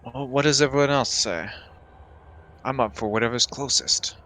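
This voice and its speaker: A man's voice: medium pitch, moderate pace, bright, forceful tone. A man playing a tabletop game, speaking casually and politely in character and describing his actions.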